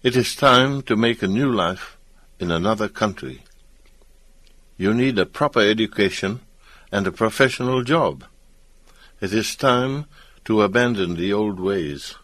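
A man's voice: lowish voice, unhurried, pauses often, fairly bright tone, no echo. A man doing a caring island grandmother. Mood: earnest.

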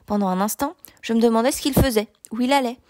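A woman narrating a novel in the first person, with steady, measured storytelling. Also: fairly high pitch, no room sound, clean studio sound. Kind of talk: audiobook reading of a novel.

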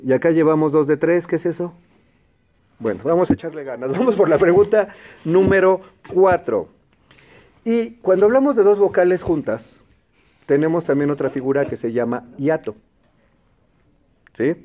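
A Mexican man with a Mexican Spanish accent hosts an educational quiz show, speaking clearly and patiently and repeating the answer options slowly. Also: fairly high pitch. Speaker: quiz host and teacher. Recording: dull lo-fi broadcast sound.

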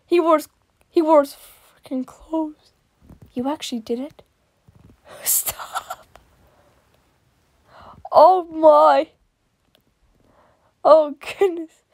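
A woman casually reacting to fan art, excitable and giggly, gasping and exclaiming often. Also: high-pitched, slow pace, long pauses, no echo.

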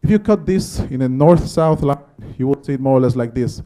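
At an auditorium public lecture, a conference presenter in his thirties with a Guatemalan Spanish accent speaks conversationally and expressively into a handheld microphone, pausing often. His ordinary male pitch carries a very dark, soft-edged tone.

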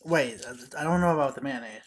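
A man's voice: medium pitch, a little fast, a little hiss or hum. A young man giving a casual snack taste test to camera, talking while he crunches and munches chips. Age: young adult. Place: small room at home, indoors. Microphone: handheld or propped phone near the face.

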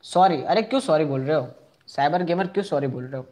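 His voice is on the high side with a somewhat dark tone, and he talks briskly as a young man running a casual live game stream. He goes through viewers' chat messages individually, chats freely, repeats himself, and asks for likes.

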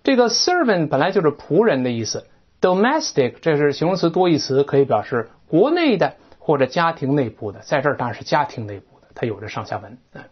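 Lively teacher. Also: medium pitch, slightly rough. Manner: lively, explains step by step, asks the class questions. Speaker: English teacher. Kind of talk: vocabulary lecture on a textbook. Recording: dull lo-fi recording.

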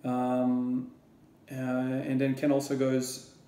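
A Croatian man in his thirties answers viewer questions to camera from a small room at home with shelves, rambling casually with lots of fillers and repeated words. His medium-pitched voice is warm but monotone and slow, picked up reverberantly by a camera or laptop at desk distance.

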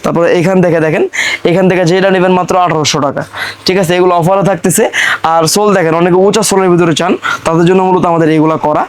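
A Bangladeshi man working as a shop seller, giving a hard-sell pitch in insistent, repetitive patter. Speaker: shop seller presenting products.

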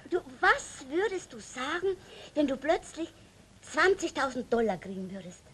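A woman's voice: sits high, very animated, moderate pace, fairly bright tone. An actress playing a coy, hesitant wife who wakes her husband at night in a 1950s comedy sketch.

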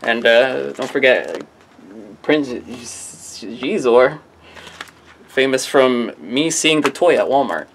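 A man's voice: medium pitch, animated, unhurried, vocal fry, hardly any pauses, a bit bright, slight background noise. A man from a comic shop casually running through new comics to camera, rambling and offhand, with jokey self-mocking asides. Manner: rambling, offhand, often trailing into "I don't know". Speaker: comic shop staff presenting new releases. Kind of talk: casual product rundown to camera.

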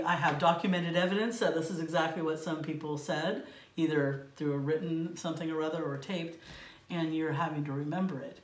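A woman co-hosting a podcast, chatting and teasing her co-host with plenty of fillers. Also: deep voice. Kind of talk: casual chat. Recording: echoey room, distant from the mic.

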